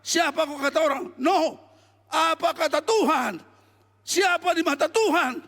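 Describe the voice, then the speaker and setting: An older man preaching a sermon as pastor, emphatic and exhorting, often shouting his points. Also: extremely high pitch, a little slow. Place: church hall. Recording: long reverb of a hall.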